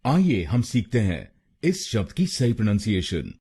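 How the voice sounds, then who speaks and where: Male Indian pronunciation tutor, lively pitch, drills words syllable by syllable. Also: husky. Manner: slow, deliberate, repeating words syllable by syllable. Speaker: pronunciation teacher. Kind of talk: Hindi pronunciation lesson.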